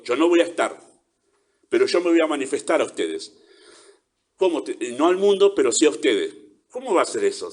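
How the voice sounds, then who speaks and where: A pastor with an Argentine accent preaching a sermon in an emphatic way, repeating his phrases and putting rhetorical questions to the listeners. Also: medium pitch. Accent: Argentine Spanish.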